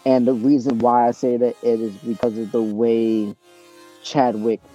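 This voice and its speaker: A man in his thirties from Trinidad, raised in Boston, answering interview questions over a video call in a relaxed storytelling way with many fillers. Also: mid-range voice, unhurried, muffled recording, soft background music. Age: 30s. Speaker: basketball coach, guest.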